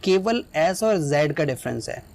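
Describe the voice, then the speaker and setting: Man explaining a lesson, fairly high voice. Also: lively intonation, unhurried, darkish tone. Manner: explanatory, often checks in with "right?". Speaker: teacher.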